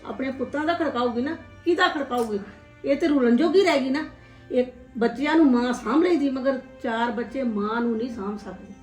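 A woman's voice: high voice, brisk, a little mellow, natural voice. Woman playing a grieving, neglected old mother. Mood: sorrowful. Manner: lamenting, sorrowful, breaks into tears. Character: elderly mother, grieving, neglected by her sons. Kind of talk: family drama acting. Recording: echoey room, mic far off, music behind.

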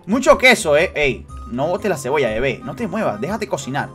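Guy doing let's-play commentary, jumps from whispery suspense to yelling, really bouncy voice. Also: on the high side, very animated, a little fast, faint music behind. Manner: swings between hushed suspense and sudden loud shrieks; talks to viewers and the baby, joking and teasing. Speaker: gaming youtuber.

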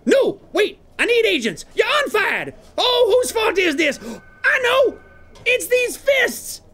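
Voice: very high-pitched, sing-song, slow, a bit bright, exaggerated voice. An actor voicing a cocky, hot-tempered male pop star sock puppet in a goofy cartoon delivery for a parody sketch. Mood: ranting.

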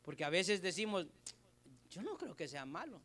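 A man, a pastor preaching a sermon to his congregation, asking them questions and swinging between loud and soft delivery. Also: high-pitched, big pitch swings, normal speed. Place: church service.

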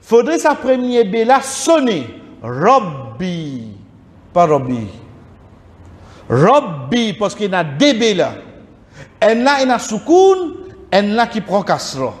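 A man giving a religious lesson in a mosque hall, slowly repeating Arabic words to correct their pronunciation. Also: high-pitched, huge pitch swings. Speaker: religious teacher.

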